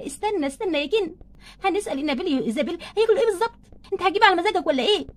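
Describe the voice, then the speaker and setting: A woman's voice: extremely high pitch, lively intonation, very fast. A woman with an Egyptian accent voicing a carefree, demanding wife doll in a play. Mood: breezy. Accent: Egyptian Arabic.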